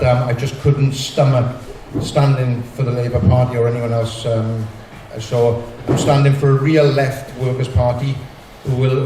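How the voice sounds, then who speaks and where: A man from South Wales with a Valleys accent, answering haltingly as a candidate at a public hustings. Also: medium pitch, recorded from a distance. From Merthyr, Wales. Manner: halting, repeats words. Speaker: election candidate. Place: indoor public meeting hall. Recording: echoey hall, crowd and noise.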